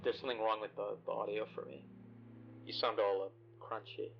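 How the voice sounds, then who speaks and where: Brief: man voicing an uneasy halting guy, deepish, bitcrushed and muffled. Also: little pitch movement, creaky, a little hiss or hum. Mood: hesitant. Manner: halting, stammering, repeats words.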